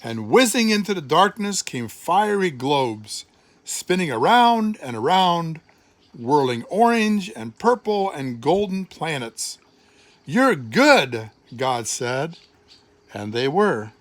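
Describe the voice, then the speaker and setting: An older man, a grandfather, reads a children's storybook aloud in a fairly high voice, his phrasing dramatic, deliberate and expressive. There's no echo on the recording.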